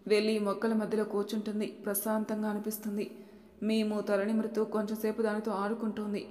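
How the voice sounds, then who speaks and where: A woman narrating an audiobook story in a plain, steady storytelling manner. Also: mid-range voice, fairly quick. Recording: echoey room with long reverb.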